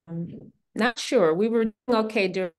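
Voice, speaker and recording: A woman's voice: mid-range voice, normal speed. A woman speaking as a church communications panelist over a video call, her audio glitchy and breaking up, talking hesitantly with many fillers. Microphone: computer mic on a video call. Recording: choppy online call audio with dropouts.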